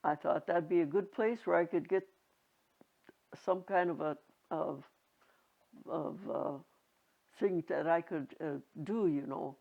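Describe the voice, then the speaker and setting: A very old woman in her nineties reminiscing casually, halting and rambling, with a creaky aged voice. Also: lowish voice. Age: 90s. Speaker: interviewee. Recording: dull lo-fi home recording.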